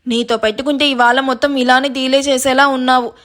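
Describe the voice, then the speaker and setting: A woman storyteller voicing a brisk, bossy elder sister who scolds. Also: high voice, level tone, a bit bright. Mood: scolding.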